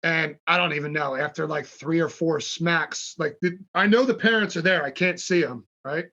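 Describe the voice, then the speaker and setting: A man guest on a podcast, telling stories in a casual, animated way, swearing freely and acting out what people said. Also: a little high, normal speed, lo-fi sound. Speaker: podcast guest, fishing brand founder. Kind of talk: casual storytelling.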